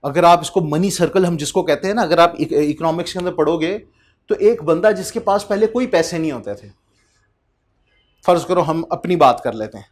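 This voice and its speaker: A man in his thirties from Pakistan, giving an accountancy lecture in a conversational way, reading English passages slowly and asking the class rhetorical questions. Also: a little high, expressive.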